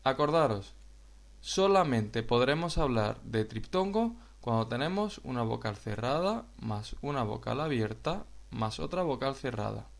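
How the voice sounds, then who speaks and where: A man with a Spain Spanish accent explains a grammar point in a video lesson. His voice has a gravelly, creaky texture at a middling pitch. He talks slowly and patiently and speaks straight to his viewers. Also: animated. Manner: slow, explanatory, addresses viewers directly. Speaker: teacher.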